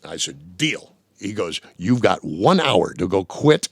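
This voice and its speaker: Gravelly ex-dj guy telling stories in a studio, super animated, doing little voices, dry mic. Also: low voice, unhurried, no room sound. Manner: animated, acts out voices in anecdotes, laughs often. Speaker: former radio DJ, interview guest. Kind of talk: storytelling interview. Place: radio studio.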